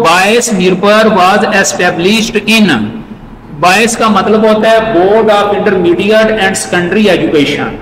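A man teaching an exam-prep class, repeating each point and reading English lines slowly. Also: sits high, a bit bright. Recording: echoey hall with faint noise.

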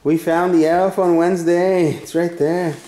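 A woman's voice: lowish voice, flat delivery, unhurried, dark tone. A woman in her thirties filming a family vlog at home, who eagerly narrates for viewers while coaching her children in front of the camera. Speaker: mother and vlog host. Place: dim room at home. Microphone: handheld camera filming. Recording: echoey home room, faint noise.

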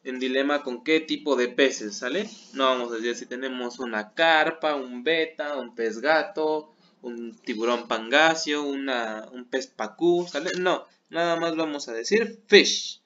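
A man's voice: medium pitch, unhurried, a bit bright, lo-fi sound, slight background noise. A man teaching English words in an online class, patiently checking understanding as he goes. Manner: patient, keeps checking with "¿sale?".

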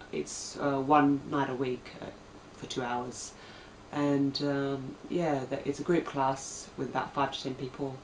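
A woman's voice: a bass voice, darkish tone, slight background noise. A young woman from Australia chatting to her camera at home, hesitant and full of ums. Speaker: vlogger. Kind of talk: casual chat to camera. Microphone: camera mic. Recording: echoey room, mic at a distance.

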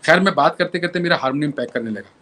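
A middle-aged man, a musician guest telling animated anecdotes in an interview and acting out other people's lines. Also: fairly high pitch, fast, slight background noise. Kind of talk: storytelling in an interview.

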